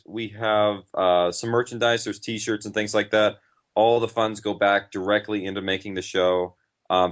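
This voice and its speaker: This interview guest, a podcast writer-director, has a low, fairly bright voice and talks in a loose, rambling, enthusiastic way. The recording is lo-fi and dull.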